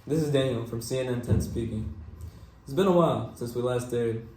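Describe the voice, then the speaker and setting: A man playing an earnest male anchor of a 1940s newscast. He has a mellow, mid-pitched voice and a formal, scripted delivery, heard in an echoey room. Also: fairly quick, recorded from a distance, a little hiss or hum, natural voice.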